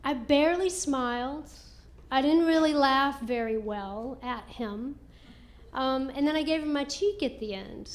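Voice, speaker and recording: High-voiced woman telling a stand-up story. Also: unhurried. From American South. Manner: animated, self-mocking storytelling. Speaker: stand-up comedian. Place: comedy club stage.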